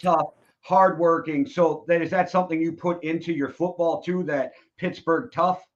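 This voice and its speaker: A man's voice: a little high, steady tone, moderate pace. A man from Wisconsin hosting a casual interview, eager and chatty as he asks questions. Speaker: podcast host. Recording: dull lo-fi sound.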